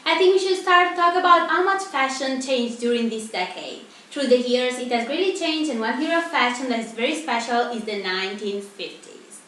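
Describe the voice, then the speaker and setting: A student-sounding young woman, teen or young adult, presents a scripted piece as the host of a mock TV broadcast. Her high, fairly bright voice moves at a moderate pace with lively intonation. The indoor room is very echoey, the mic distant, with faint noise.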